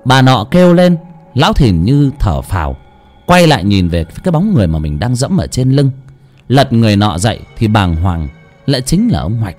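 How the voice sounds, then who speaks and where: A man's voice: mid-range voice, big pitch swings, moderate pace, a little mellow, faint music behind. A man narrating an audiobook story dramatically.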